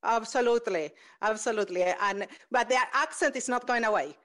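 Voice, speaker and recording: A woman's voice: on the high side, fairly quick, fairly bright tone. A woman hosting an interview, English is not her first language, speaking in an earnest, reflective way. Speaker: host. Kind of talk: interview conversation.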